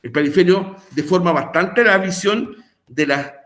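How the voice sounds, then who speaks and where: Guy teaching a class online, kinda high voice, rambles and keeps saying verdad. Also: unhurried, a bit bright. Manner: rambling, filler-heavy, checks in with "¿verdad?" and "¿ya?". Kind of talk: recorded online class explanation.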